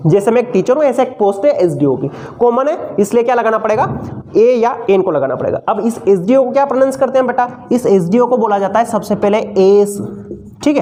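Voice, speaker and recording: A man's voice: high-pitched, warm tone. A male teacher giving an exam-prep grammar lesson, who keeps asking his students questions, answers them himself, and fondly calls them "son".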